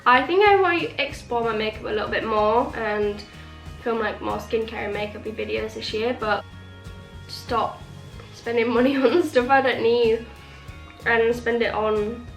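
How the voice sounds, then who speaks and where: Speaking at a measured pace in a voice on the high side, this young vlogger chats to camera while sniffling with a cold. She rambles with plenty of "like," recorded in an echoey room where faint music plays.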